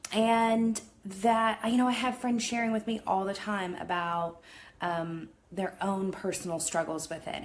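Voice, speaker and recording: A woman in her thirties speaking earnestly and openly to camera in a casual video diary, with many fillers. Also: medium pitch. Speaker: vlogger.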